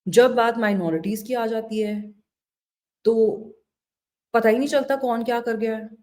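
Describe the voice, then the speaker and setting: A woman's voice: on the high side, a little slow, a little mellow. A woman giving indignant political commentary, switching between Hindi and English phrases. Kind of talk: opinion commentary to camera.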